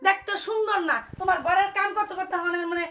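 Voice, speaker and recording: A woman playing a shrill, furious wife. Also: steady tone, fast, bright, forceful tone, highs cut off, full character voice. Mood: bitter. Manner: shrill scolding, taunting repeated questions. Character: furious first wife confronting her cheating husband. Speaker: actor in a comedy skit. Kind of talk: amateur comic drama acting.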